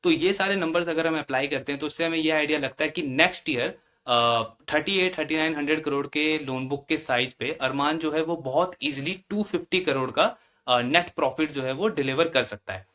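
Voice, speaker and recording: Explaining earnings-call material as a financial analyst, this man goes step by step and repeats phrases to stress them. His fairly high voice is brisk, pushed, and bright.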